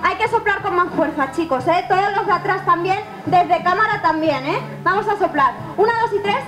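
High-voiced young woman magician, echoey room. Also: moderate pace. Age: young adult. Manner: playful, repeats words, coaxes the crowd. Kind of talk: lively stage patter with an audience. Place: care home common room, indoors. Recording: echoey room with music behind.

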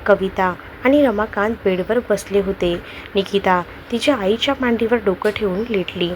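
A woman narrating a love story in a steady, even reading voice. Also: medium pitch, normal speed, noisy background.

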